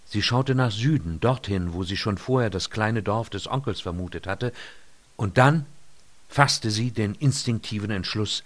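A man narrating an audiobook in a measured, soft-spoken storytelling manner. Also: on the low side. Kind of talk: scripted narration.

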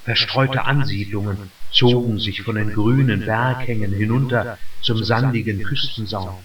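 Slow-reading male memoir narrator. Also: on the low side, far from the mic, a loud crowd. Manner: slow, measured storytelling. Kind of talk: first-person memoir reading for radio. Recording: dull roomy radio recording from afar.

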